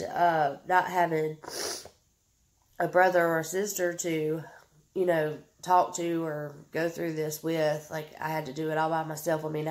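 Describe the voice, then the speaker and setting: A woman with a Southern US drawl chats to camera in a low, gravelly voice. She is stuffed up and sniffling as she answers viewers' questions, with many ums and loose, friendly asides. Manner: chatty, drawling, many ums, reads comments aloud. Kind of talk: casual Q&A chat to camera.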